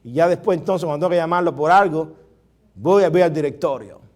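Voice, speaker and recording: A man preaching a sermon as pastor, stretching key words slowly and moving between hushed asides and loud emphatic lines, with chatty remarks to the congregation. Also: on the high side.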